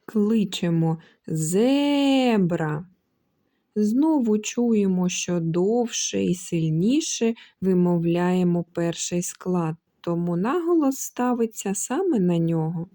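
Speaking slowly and gently, a kindergarten teacher uses a warm, mellow, somewhat low and expressive voice. This recording of a kindergarten lesson has her carefully pronouncing every syllable for small children, now and then calling out a word and stretching it long for stress.

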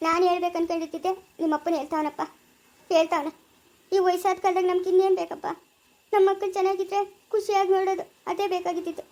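A woman's voice: extremely high pitch, level tone, fast talker, darkish tone. A woman playing a sorrowful old village mother. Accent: Chikkaballapura Kannada. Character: worried elderly village mother. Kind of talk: amateur family drama acting.

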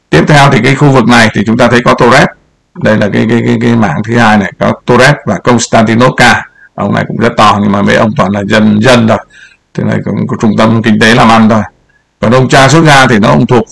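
A man's voice: on the low side, vocal fry, fairly bright tone. An older man giving casual political commentary over a map, rambling and repeating words as he points things out.

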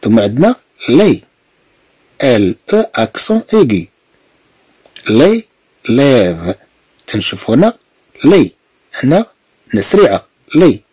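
A man with a Moroccan Arabic accent gives a beginner French lesson, drawing words out and repeating them patiently. His husky, warm voice rises and falls a lot as he explains. The sound is dry and close. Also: mid-range voice, big pitch swings, slow, pauses often, no room sound. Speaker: French teacher. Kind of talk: language lesson with pronunciation drills.

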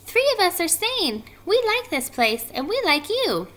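Tiny baby girl spider, acted by a woman: high, bright, spirited and friendly, for a storybook. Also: sing-song, unhurried, heavily acted. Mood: friendly greeting. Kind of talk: children's storybook character reading.

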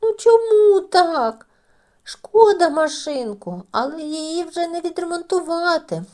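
A headstrong little boy mouse from a children's storybook, voiced by a woman, pitched high and swinging wildly up and down. He whines and exclaims in a childlike way. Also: wildly swooping pitch, unhurried, darkish tone, full character voice. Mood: upset. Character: small boy mouse, stubborn, wants to do everything himself.

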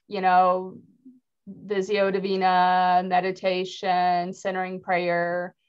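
A middle-aged woman speaking articulately as a guest on a video call, laughing easily. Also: medium pitch. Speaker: guest, worshiping community leader. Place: room at home by a window. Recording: dull lo-fi call audio.

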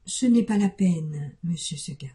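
A gentle young she-goat, voiced by a woman reading a storybook answers in a soft, polite, lowered voice. She repeats herself stubbornly and slowly, her tone dark and mellow. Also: lively intonation.

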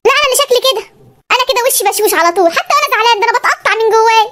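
Cartoon young husband, sulky and sarcastic, Egyptian accent, bright high sped-up voice, voiced by one performer. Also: very fast. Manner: sarcastic grumbling.

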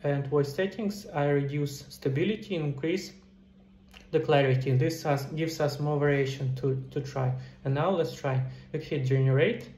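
This middle-aged man, an indie game developer, walks viewers through a casual tutorial step by step, addressing them directly. He speaks at normal speed in a fairly high, slightly mellow voice. The indoor room gives a roomy echo, and there's some background noise.

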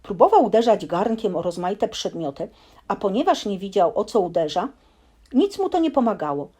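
Ekspresyjna lektorka bajek na dobranoc. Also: female voice, medium pitch, moderate pace. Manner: expressive, lively storytelling. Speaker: storyteller. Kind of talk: bedtime story reading.

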